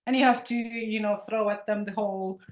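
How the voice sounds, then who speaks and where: Speaking briskly with fairly even intonation and a medium pitch, a Cypriot woman in her forties lectures online as a guest over a video call. She is a native Turkish speaker whose accent is Turkish Cypriot, and her manner is conversational. She repeats words frequently while looking for them, delivering everything earnestly and with emphasis.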